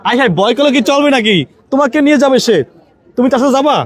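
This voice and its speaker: A man's voice: very high-pitched, racing. A man interviewing people casually on location, pressing his questions with repeats. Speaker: street interviewer. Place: outdoors in a public park. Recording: outdoor street with crowd behind.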